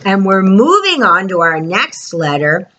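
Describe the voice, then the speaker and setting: A woman's voice: medium pitch, very animated, a little slow, pushed and bright. A woman teaching an alphabet lesson to young children in a broad singsong presenter's delivery, asking prompting questions and stretching out key words.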